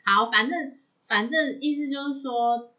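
A woman's voice: high-pitched, a little slow, bright, forceful tone. A woman co-hosting a casual chat in Taiwanese Mandarin, giving her own thoughtful views. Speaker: podcast co-host.

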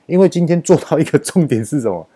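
Animated Taiwanese-accented man, mellow tone. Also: fairly high pitch, slightly rough. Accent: Taiwanese Mandarin. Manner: animated, emphatic, drawn-out sentence-final particles. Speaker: podcast host. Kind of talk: casual storytelling monologue.

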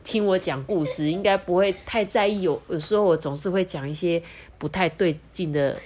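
A woman with a lowish voice and moderate pace hosts a children's storytelling and chat podcast. A mother with a Taiwanese Mandarin accent, she talks expressively and directly to child listeners, her pronunciation a little slurred and non-standard.

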